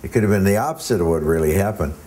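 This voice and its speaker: An interview guest with a deep, mellow voice tells long, rambling anecdotes very fast and expressively, peppered with ums and hesitations. It's casual storytelling, with a little hiss or hum in the audio.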